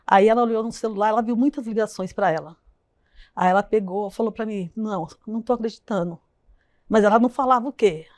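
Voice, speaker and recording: A woman, a guest telling a personal story of loss in a halting way, retelling the dialogue and repeating herself. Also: mid-range voice, a little mellow, dry recording. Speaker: interview guest. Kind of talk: emotional personal account.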